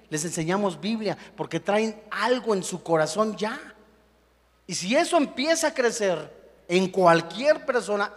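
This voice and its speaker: A young adult man preaching a sermon as a pastor, animated, acting out the voices of the people he quotes. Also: sits high. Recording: long hall reverb.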